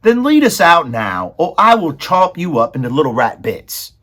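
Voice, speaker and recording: A man voicing a dim, weepy young serving girl with a high, shrill, whining and coarse way of talking. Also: huge pitch swings, moderate pace, a bit bright, heavily acted. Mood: defiant.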